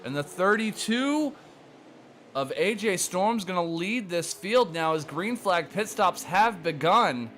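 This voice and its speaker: A man calls a sim race in rapid, excited play-by-play and says he is out of breath keeping up with the action. His voice sits very high for a man. Faint music plays behind him. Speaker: race commentator. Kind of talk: play-by-play sim racing commentary.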